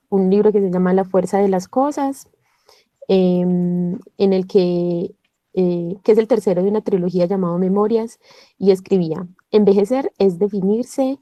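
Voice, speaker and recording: A woman's voice: mid-range voice, mellow, no echo. A woman, hesitantly leading a club reading over a video call, with many fillers. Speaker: book club member leading a shared reading. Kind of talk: casual online reading club talk with read-aloud passages.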